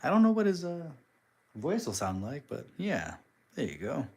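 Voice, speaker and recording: A man's voice: on the high side, huge pitch swings, moderate pace, creaky, darkish tone, breathy edge. A man casually chatting with viewers on a live stream while he crafts, reading and answering the chat.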